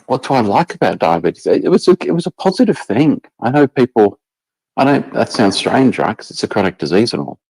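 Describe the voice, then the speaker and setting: A man's voice: mid-range voice, big pitch swings, fairly quick, a little mellow, breathy edge, poor audio. A middle-aged man from England, a guest chatting casually on a video call, rambling with many restarts and fillers. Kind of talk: casual chat.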